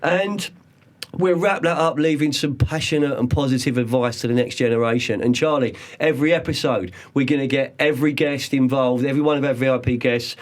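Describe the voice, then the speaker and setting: A man in his forties, hosting a podcast in a studio with casual, upbeat showmanship and slow, drawn-out emphasis. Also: mid-range voice. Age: 40s. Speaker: podcast host.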